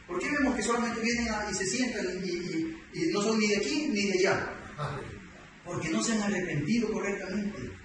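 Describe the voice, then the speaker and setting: A man's voice: sits high, moderate pace. A man, emphatic and full of rhetorical questions. He is recorded from a distance in a large church hall, with a strong echo and a constant background noise. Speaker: preacher teaching doctrine. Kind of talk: sermon.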